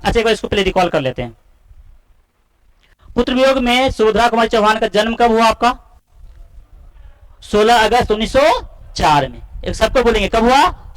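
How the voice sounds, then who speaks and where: Man, high pitch, classroom lesson, quizzing and repeating. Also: rough recording. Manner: asks students questions and answers them himself, repeating key points. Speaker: teacher. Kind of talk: classroom-style lesson explanation.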